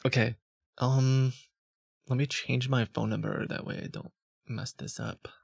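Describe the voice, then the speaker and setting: A streamer talking casually to viewers through a deep pitch-shifting voice changer, thinking aloud in an offhand way. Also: steady tone, a little slow, creaky, a little mellow, breathy edge, dry recording, dull audio. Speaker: scam-baiting streamer.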